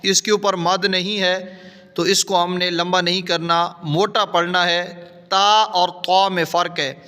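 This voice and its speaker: A man teaching Quran recitation step by step, patiently explaining each letter and then sounding it out slowly. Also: high-pitched, flat delivery, bright, forceful tone, clean tone. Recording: long echoing reverb.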